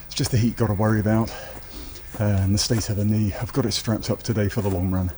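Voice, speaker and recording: A man's voice: on the low side, steady tone, quick pace, warm tone. A British man chatting casually to camera as a running vlogger. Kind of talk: casual vlog chat to camera. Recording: noisy vlog recording with clicks.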